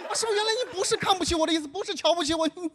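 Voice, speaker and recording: A young man from northern China telling a stand-up comedy story, acting out the dialogue with lively delivery. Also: very high-pitched, racing, a loud crowd, very noisy.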